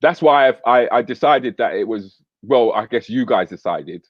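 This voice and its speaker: A man's voice: medium pitch, expressive, moderate pace, no echo. A British man hosting a casual online chat show, teasing his guest in a jokey, laid-back way. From Britain. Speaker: comedian host. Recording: dry, slightly muffled call audio.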